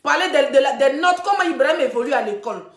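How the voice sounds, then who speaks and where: A woman hosting a live video, chatting casually with her viewers and telling a story in an animated way, laughing often. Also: high-pitched, quick pace. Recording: echoey room.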